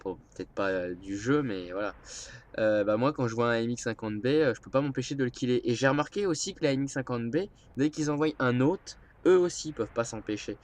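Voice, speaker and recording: Speaking fairly quickly at medium pitch, a congested gamer with a cold narrates his play casually, drifting off track, hesitating, and dropping in many filler noises.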